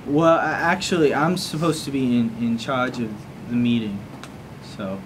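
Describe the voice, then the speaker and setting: A man's voice: mid-range voice, fairly even intonation, noisy background, natural voice. [name], a man playing a lisping timid journalist. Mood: hesitant. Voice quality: lisp. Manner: stammering, halting speech. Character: young male journalist, lisping, timid boss. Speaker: temporary office boss. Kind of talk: student short-film acting.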